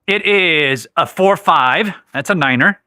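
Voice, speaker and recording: A man's voice: on the high side, unhurried, bright, forceful tone, no room sound, studio quality. A man hosting a live craps stream, chatting casually, reading viewer comments and correcting himself, while he has the hiccups. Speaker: livestream host.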